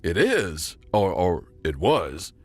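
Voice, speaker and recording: A man's voice: wildly swooping pitch, slow, exaggerated voice. A man doing a panicky sarcastic junker. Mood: panicked. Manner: panicky, sarcastic, squeaky when scared.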